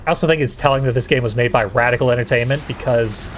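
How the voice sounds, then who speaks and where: A man's voice: mid-range voice, fast talker, music in the background. A man giving casual, dryly sarcastic commentary as the host of a video game playthrough. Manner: dry, sarcastic wisecracking. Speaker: let's play host.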